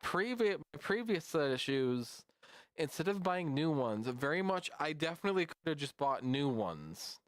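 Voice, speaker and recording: A man's voice: fairly high pitch, very animated, moderate pace, no echo. Chatty male streamer, dry close sound. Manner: rambling and chatty, talks to chat. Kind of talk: casual livestream chat reacting to memes.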